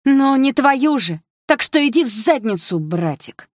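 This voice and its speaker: A woman voicing a defiant, tipsy young woman who mocks and shouts at her brother, in an audiobook reading. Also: unhurried, husky, no room sound, clean studio sound. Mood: defiant, shrill. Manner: shrill, mocking, shouting.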